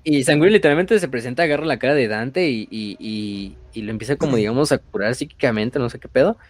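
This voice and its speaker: A man with a Mexican accent casually retelling a story, slangy and animated, with many fillers. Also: mid-range voice, fast talker, dry recording. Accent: Mexican Spanish. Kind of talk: casual chat retelling lore.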